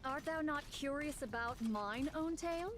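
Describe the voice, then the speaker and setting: A woman's voice: high-pitched, moderate pace, close to an everyday voice. A woman voicing a formal, archaic-speaking game character with a theatrical manner. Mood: musing. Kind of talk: video game voice acting.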